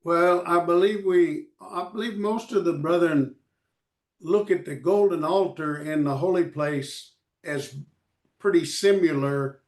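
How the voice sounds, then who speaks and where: A man teaching a Bible study in short phrases, pausing for an interpreter, halting with many fillers. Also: on the high side.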